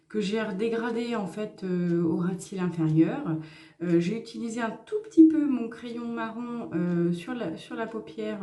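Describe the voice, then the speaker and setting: Chatty woman with a warm voice. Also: medium pitch, echoey room. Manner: chatty, hesitant with many fillers. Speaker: makeup vlogger. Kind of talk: casual makeup tutorial.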